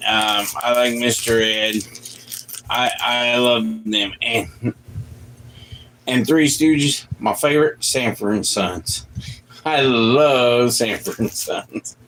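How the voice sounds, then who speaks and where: A man in his late forties co-hosting a casual family livestream, easygoing and quick to laugh. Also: mid-range voice, a bit bright, a little hiss or hum, poor audio. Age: late 40s.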